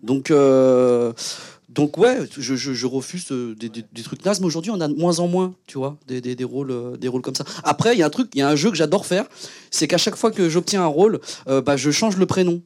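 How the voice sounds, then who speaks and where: A young adult man, a guest actor on a panel, telling stories in a relaxed, slangy way. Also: fairly high pitch, fairly quick. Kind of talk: casual panel talk.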